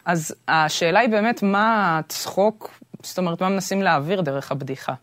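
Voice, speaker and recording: A woman from Israel with an Israeli accent, talking casually and with opinions as an interview guest, informal and halting as she argues a point. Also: fairly low pitch, no room sound, clean studio sound. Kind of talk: casual, opinionated podcast conversation.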